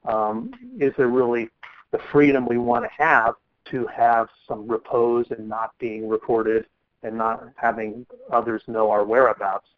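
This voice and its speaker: A man's voice: medium pitch, little pitch movement, a little slow, no echo. Male podcast co-host, loose rambling delivery, dry thin phone-line sound. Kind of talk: casual legal podcast chat.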